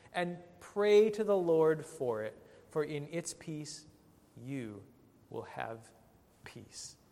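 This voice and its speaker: A man's voice: a little high, darkish tone. A man, a pastor, delivering a sermon with an emphatic, rising and falling delivery. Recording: long hall reverb.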